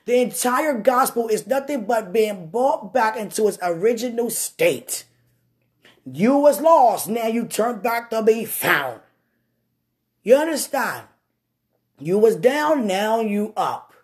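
A deep-voiced woman gives an animated testimony and preaches, taking it slowly as she swings between loud bursts and hushed asides.

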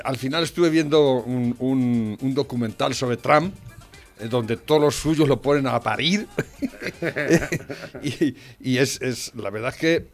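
Man, Spanish accent, blunt swearing rant in casual talk, rises to near shouting. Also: medium pitch. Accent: Spanish from Spain. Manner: blunt, swears freely, rants loudly with frequent "¿eh?". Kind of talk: casual political chat.

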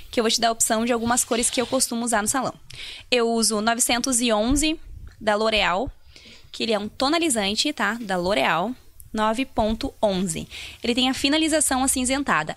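A woman's voice: a little high, a bit bright. A woman, a salon colorist explaining toner choices to viewers in a live Q&A. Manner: explanatory, tutorial-like, addresses viewers.

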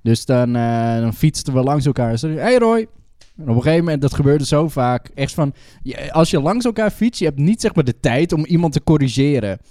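A man's voice: mid-range voice, expressive, fairly quick, warm tone, dry recording, clean studio sound. A young man co-hosting a casual chat, easygoing and agreeable, often backing up his partner. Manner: easygoing, agreeable, many short affirmations. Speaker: podcast co-host.

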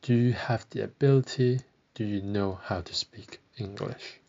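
A man's voice: lowish voice, unhurried, mellow, dull audio. A man teaching a podcast language lesson, carefully modelling each phrase and repeating it.

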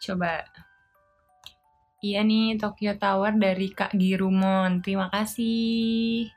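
A woman's voice: mid-range voice, flat delivery, takes it slowly, darkish tone, faint music behind. A woman chatting casually on a live stream, playful and laughing often as she reads viewer comments aloud and tries simple Japanese phrases.

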